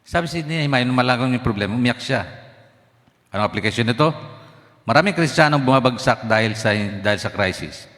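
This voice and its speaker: A middle-aged man preaching a sermon as pastor, mixing Tagalog with English and swinging between loud emphasis and hushed asides. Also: mid-range voice, lively intonation, fairly quick. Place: church sanctuary. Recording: long hall reverb.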